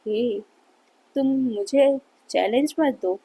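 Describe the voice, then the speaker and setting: A proud, possessive man who boasts and challenges, read aloud by a woman. The tone is mellow and a little husky, pitched fairly high for a man. It is a storybook reading of fan fiction, not a fully acted voice. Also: slow, exaggerated voice. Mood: boastful.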